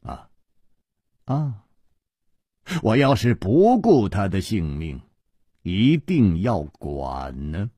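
A man voicing a proud male hero who is cornered but composed, speaking in a quiet, measured and resigned way, in a Chinese storytelling radio reading. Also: low-pitched, huge pitch swings, husky, no room sound, clean studio sound, pitched below the performer's own voice, heavily acted. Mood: grim.

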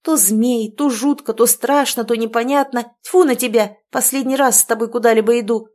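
A woman voicing an angry young woman who snaps and yells at her friend, in an audiobook. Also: on the high side, a little slow, voice pushed up, close to an everyday voice. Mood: angry yelling. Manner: shouting, sharp, scolding. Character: young woman, furious and worn out.

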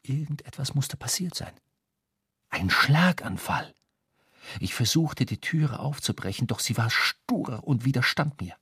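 An actor playing a young sailor who narrates his own story in measured, scripted radio drama narration. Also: mid-range voice, animated, bright, forceful tone, breathy edge, full character voice.

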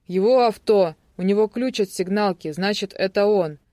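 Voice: medium pitch, moderate pace, warm tone, dry recording, clean studio sound, natural voice. A narrator voicing a brutish, mocking young male kidnapper who sulks when scolded, in an audiobook. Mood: sulky.

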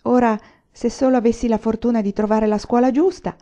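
A woman's voice: on the high side, steady tone, fairly quick, mellow, pitched above the performer's own voice, natural voice. Earnest teen girl, read by a woman. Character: earnest young teen girl, studious and hopeful.

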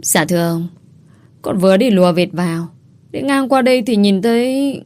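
A woman's voice: medium pitch, steady tone, normal speed, darkish tone, natural voice. A frightened young servant girl speaking humbly to her masters, put on by a woman narrator. She stammers politely and pushes her story in a storybook reading. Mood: timid. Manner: fearful, deferential. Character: timid young female servant.

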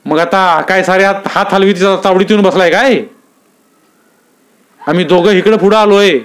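A man's voice: sits high, normal speed, clear, resonant tone, voice pushed up, close to an everyday voice. A man voicing a flustered village constable. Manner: nervous, excuse-making. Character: flustered rural male constable.

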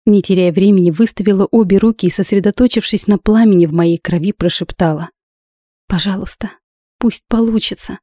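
A woman's voice: on the low side, mellow, no echo. A woman narrating a first-person fantasy audiobook with intense, emotional delivery, recorded close to the mic.

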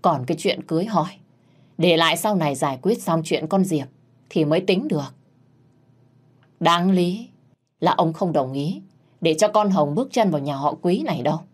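A woman playing a gruff old patriarch. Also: low voice, lively intonation, moderate pace, long pauses. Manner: gruff, decisive. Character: old grandfather, stern family patriarch.

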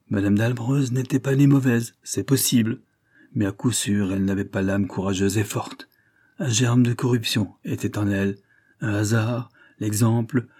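A man reading the lines of a cynical older gentleman with a gray mustache in a cool, cutting, worldly-wise manner. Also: medium pitch, breathy edge, no room sound, clean studio sound, lightly acted. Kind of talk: audiobook character reading.

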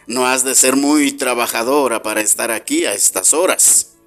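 A man's voice: medium pitch, normal speed, a bit bright, faint music behind, close to an everyday voice. A man voicing a scornful, mocking snake in a radio story. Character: mocking sly green snake.

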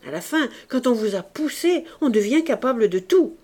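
A woman reading the part of a fierce, ambitious bourgeois mother who speaks in sharp, forceful outbursts. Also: fairly high pitch, lively intonation, unhurried, pitched above the performer's own voice. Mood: furious.

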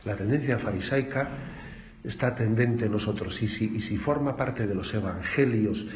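Chatty older Spanish preacher, roomy echo. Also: male voice, fairly low pitch, moderate pace, a little mellow. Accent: Spanish from Spain. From Spain. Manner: chatty, storytelling, frequent tag questions. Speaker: bishop preacher. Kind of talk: conversational homily with anecdotes. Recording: roomy echo, faint background noise.

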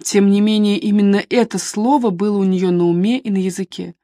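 A woman narrating an audiobook in an even, measured reading style. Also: mid-range voice, no echo, clean studio sound. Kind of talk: scripted narration.

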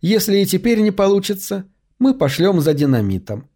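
A man's voice: sits high, very animated, moderate pace, mellow, pitched above the performer's own voice. Man putting on a sly mocking woman. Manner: teasing, sing-song sarcasm. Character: gleeful mocking woman, falsely sweet.

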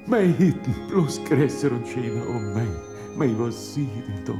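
A man's voice: mid-range voice, expressive, normal speed, lightly acted. An actor playing a humble old village man who has reached heaven, hesitant and awed, in a radio play with a Bavarian accent. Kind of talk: German dialect radio play. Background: music.

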